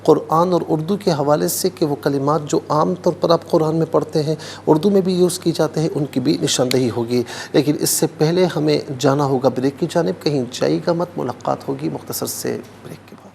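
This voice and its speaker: A male TV host teaching Quran recitation, explaining each word clearly, then chanting the verses slowly. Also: on the high side, darkish tone, slight background noise. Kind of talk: televised Quran recitation lesson. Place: TV studio.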